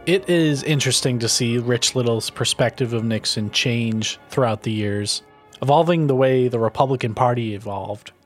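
A man's voice: medium pitch, moderate pace. A male host speaks in a mid-range voice, alternating between interview questions and scripted narration. He sounds conversational and curious, and faint music plays under his voice. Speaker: podcast host.

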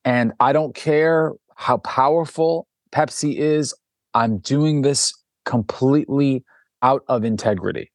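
A man's voice: mid-range voice, takes it slowly, no room sound. Man telling a story in a dry, close room. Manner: animated anecdotes with many restarts and acted quotes. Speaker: documentary director, guest. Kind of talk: conversational storytelling interview.

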